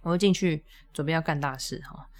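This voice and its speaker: A woman hosts a podcast and tells a story in a casual, chatty way. Her voice sits fairly low, then jumps high in exasperated bursts. She laughs often as she talks. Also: a little fast. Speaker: podcast host.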